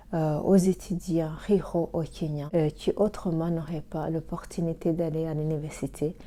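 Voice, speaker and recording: A Rwandan woman who works as a pharmacy assistant and network marketer gives a prepared presentation in a low, mellow voice. She reads steadily, with the occasional hesitant filler.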